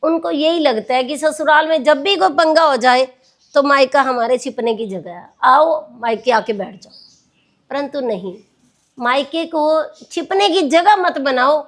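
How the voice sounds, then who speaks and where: A woman's voice: high voice, measured pace. A woman host addressing viewers directly with earnest moral advice.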